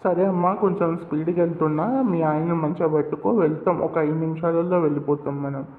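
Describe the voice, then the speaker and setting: A man playing a kind village man who calms a crying wife and pleads with a doctor for his friend. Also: a little high, quick pace, echoey room, big-room sound, phone-quality sound, a little hiss or hum, lightly acted. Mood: soothing. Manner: soothing, reassuring, then pleading. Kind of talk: village short-film acting.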